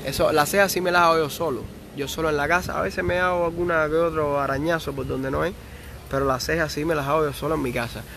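A man's voice: fairly high pitch, steady tone, fast talker, gravelly, fairly bright tone, slight background noise. A young man with a Cuban Spanish accent, chatting casually on a live stream, reading viewer comments aloud and answering them. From Cuba.

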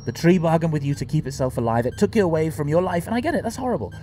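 A man's voice: on the high side, lively intonation, rapid-fire, mellow, a little hiss or hum, close to an everyday voice. A man playing a clever, righteous, eccentric time traveller in an audio drama, explaining things with theatrical emphasis. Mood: stern, righteous. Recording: music under the voice.

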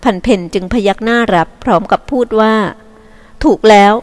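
A woman narrating a novel audiobook in a calm, even storytelling voice. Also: a little high, fast.

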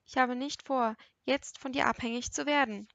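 A woman's voice: high voice, steady tone, normal speed, vocal fry, fairly bright tone, no room sound, muffled recording. A woman voicing a guarded, self-reliant young woman in an audiobook, speaking defensively and close to tears. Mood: bitter. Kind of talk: audiobook character reading.

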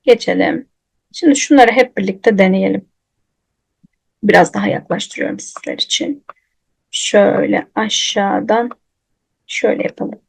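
A woman teaching Quran recitation, patiently demonstrating letter sounds and repeating them slowly. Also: medium pitch, creaky, husky, poor audio. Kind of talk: recitation lesson.

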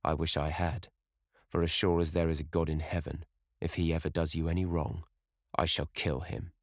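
A man's voice: a bass voice, level tone, normal speed, no room sound, studio quality. A man voicing a sullen, hot-tempered sixteen-year-old lad, blunt and protective, as an audiobook character. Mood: grim, threatening.

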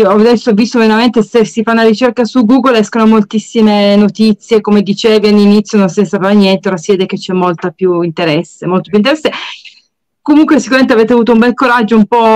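A co-host chats in a mid-pitched, conversational voice during a live stream interview. The sound is close and dry. The delivery is affirming, with lots of agreement. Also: no echo, rough recording.

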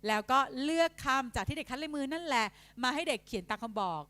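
Brief: woman trainer for teachers, fairly high voice, polite, spells out sounds, dry close recording. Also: expressive, no room sound. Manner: demonstrative, sounds out letters and syllables slowly; polite, frequent soft tag particles. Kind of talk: instructional talk to teachers.

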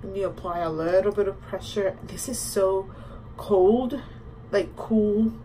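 This woman's mid-range voice is unhurried as she chats through her skincare routine in a casual bilingual vlog, moving back and forth between Spanish and English in a relaxed way. She is in a small indoor bathroom, recorded by a camera or phone about arm's length away, and the home audio is clearly noisy.

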